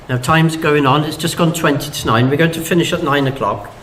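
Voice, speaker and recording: A man's voice: a little high, normal speed, a bit bright. A man chairing a public hustings and moving it along between questions. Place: indoor public meeting hall. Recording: echoey, noisy hall.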